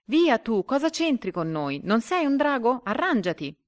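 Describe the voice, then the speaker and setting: A bossy, scornful lead duck from a storybook barks his orders in a low, dry voice, as a woman reading aloud puts him on. He raises his pitch and volume into brusque shouts. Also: steady tone, normal speed, clean tone, no room sound.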